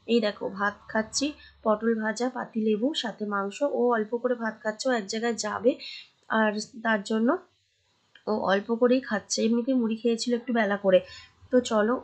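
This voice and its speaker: Hoarse woman narrating her day. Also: a little high. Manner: chatty, addresses viewers directly. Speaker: vlogger. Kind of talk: casual voice-over vlog narration.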